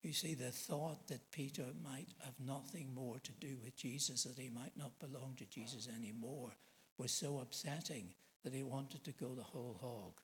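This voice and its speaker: A man's voice: mid-range voice, normal speed, slight background noise, rough recording. A middle-aged man preaching a sermon, earnest and emphatic, asking his listeners rhetorical questions.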